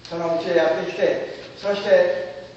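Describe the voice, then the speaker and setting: An older man telling a story from his working life in formal, polite speech that slips into rough dialect when he quotes people. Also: high voice, little pitch movement, normal speed, a little mellow, slight background noise. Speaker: storyteller recalling his business days. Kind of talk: formal spoken memoir with acted quotes. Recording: dull, echoey hall from far off.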